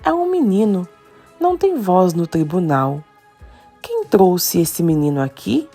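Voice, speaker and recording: A woman voicing a stern, formal male judge who speaks slowly and measuredly. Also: lowish voice, sing-song, warm tone, breathy edge, faint music behind, exaggerated voice.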